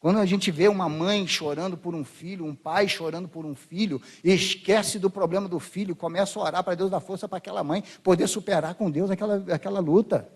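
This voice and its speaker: High-voiced Brazilian pastor, chatty sermon. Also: male voice, brisk, hardly any pauses. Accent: Brazilian Portuguese. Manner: conversational, acts out voices of biblical figures. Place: church.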